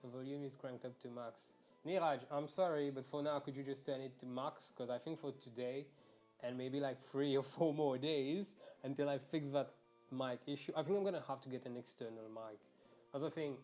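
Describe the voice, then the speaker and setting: A young man chats casually with viewers during a live game stream, rambling and swearing freely. His medium-pitched, darkish voice moves at a moderate pace. He records at home through an earphone mic that sounds quiet and low in level, with faint music behind him.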